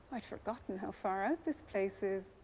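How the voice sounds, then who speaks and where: An actress playing a blind grieving sister who speaks slowly and pointedly. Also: female voice, mid-range voice, a little mellow, husky. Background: film score.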